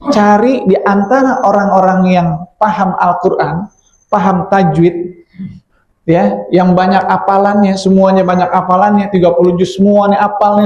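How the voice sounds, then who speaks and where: Lively high-voiced preacher. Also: male voice, slight background noise. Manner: lively, joking, repeats and restarts words, pitch jumps when quoting. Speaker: preacher teaching a hadith book. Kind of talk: sermon. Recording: roomy, slightly muffled.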